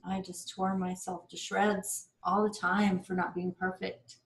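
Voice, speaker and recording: A woman co-hosting a casual self-growth chat, reflective, with many pauses and fillers. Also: mid-range voice, little pitch movement, poor audio. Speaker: co-host.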